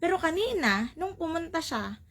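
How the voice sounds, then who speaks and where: A woman preaching a sermon, telling a story in an animated way and repeating phrases for emphasis. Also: extremely high pitch, moderate pace. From Philippines.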